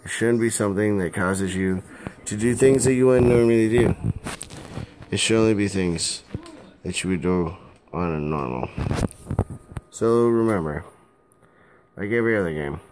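In a deep voice, a drunk young man loosely rants to his phone camera, stumbling and repeating himself in a rambling, casual vlog. The phone is held at arm's length in a small room at home, and the background is noisy.

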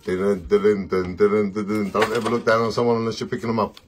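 A man's voice: lowish voice, little pitch movement, fast talker, slight background noise. Rambling man filming himself at home. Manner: rambling, upbeat, drifting into soft murmurs. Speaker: vlogger. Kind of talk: casual home vlog. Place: small home, indoors. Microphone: phone held at arm's length.

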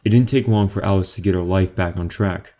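A man narrating a horror story in the first person, quiet, measured and menacing. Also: low voice, steady tone.

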